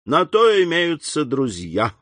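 A hunted young fugitive pleads in a raised, breathless register, as a man reads him in an audiobook. His lines come quick and frantic. The recording is close and dry. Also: on the high side, wildly swooping pitch, fairly bright tone, no room sound, voice pushed up, heavily acted. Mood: scornful. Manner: frantic begging, later cool scorn. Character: young male fugitive criminal, desperate and pleading.

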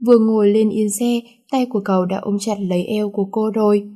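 A woman reading a teen romance story aloud in a lively narrating manner with chatty asides. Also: mid-range voice, a little fast.

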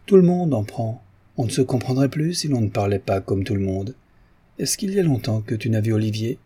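A man's voice: mid-range voice, big pitch swings, fairly quick, dark tone, husky. A man voicing a playful, chatty young woman. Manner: teasing, flighty chatter.

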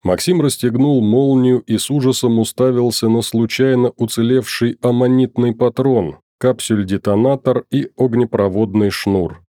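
A man reading an audiobook in an even, measured voice. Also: mid-range voice, dry recording, clean studio sound. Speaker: narrator.

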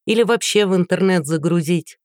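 A woman voicing a sharp-tongued, scornful young woman who answers with biting mockery. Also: fairly low pitch, a little fast, dry recording, studio quality, close to an everyday voice. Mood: mocking. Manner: mocking, biting.

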